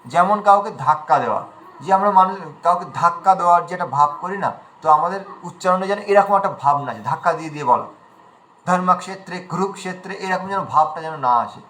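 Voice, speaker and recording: A man with a high, bright voice leads an online recitation class. He explains patiently in plain talk and chants each verse line slowly and drawn out to demonstrate it. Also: lively intonation, slight background noise, low-quality recording. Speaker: recitation teacher.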